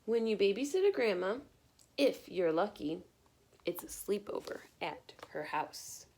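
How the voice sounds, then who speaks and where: A woman reading a picture book aloud like a teacher, expressive and encouraging, pausing to put questions to young listeners. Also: mid-range voice, gravelly, slight background noise.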